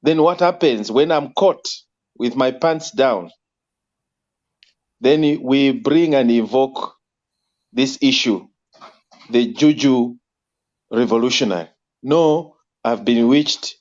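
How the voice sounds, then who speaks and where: A man co-hosts the discussion at a slow, deliberate pace, posing rhetorical questions. His voice comes through muffled and lo-fi. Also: medium pitch, darkish tone. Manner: mixes local language with English, rhetorical questions. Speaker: talk show co-host. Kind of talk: opinionated discussion. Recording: dull lo-fi sound.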